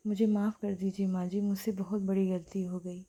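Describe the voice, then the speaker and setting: A woman voicing a remorseful daughter-in-law, speaking quietly through tears. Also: mid-range voice, level tone, normal speed, lightly acted. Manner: hushed, tearful apology.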